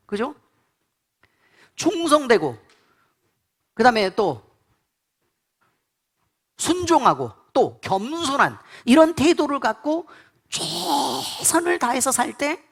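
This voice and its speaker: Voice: high voice, fairly bright tone. A pastor preaching a sermon in blunt, colloquial speech, repeatedly quizzing the congregation with call-and-response questions.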